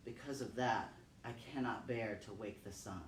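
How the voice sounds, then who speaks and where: A man acts out a storybook mother owl, grieving and quiet. The voice sinks low and mournful, with room echo around it. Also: moderate pace, a little hiss or hum, natural voice. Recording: roomy, echoing, distant microphone.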